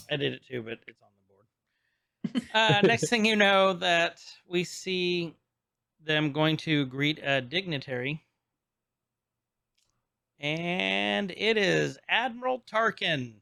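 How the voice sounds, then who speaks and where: A man's voice: sits high, animated, slow pace, creaky, pauses often, pushed and bright, no echo, clean studio sound. A man co-hosting a podcast, casually recapping a show, rambling, laughing often and stumbling over names. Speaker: podcast co-host. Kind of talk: casual chat recapping an episode.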